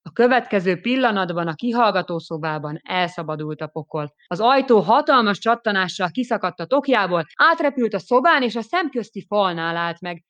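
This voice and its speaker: A woman giving a lively, expressive first-person audiobook narration. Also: medium pitch, few pauses, dull audio.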